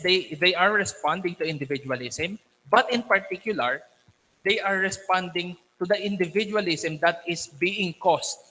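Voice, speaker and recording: A man on a thesis panel, questioning critically in a deliberate, instructive academic manner. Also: high-pitched, sharp tone. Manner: deliberate, instructive, frequently checking with "okay". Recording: echoey hall with long reverb.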